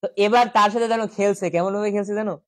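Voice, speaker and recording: Animated village storyteller man. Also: high voice, quick pace, dry recording. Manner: animated, acts out god's voices in quoted lines, asks pupils questions. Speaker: Gita school teacher. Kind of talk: storytelling scripture lesson to children. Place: village house school room.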